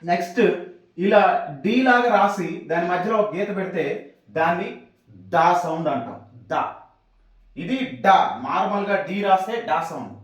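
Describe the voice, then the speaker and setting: A man teaching English sounds step by step, pausing often to remind his students what to remember. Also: high-pitched, expressive. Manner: explaining step by step, repeating reminders. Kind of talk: classroom lesson. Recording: echoey room, voice from far off.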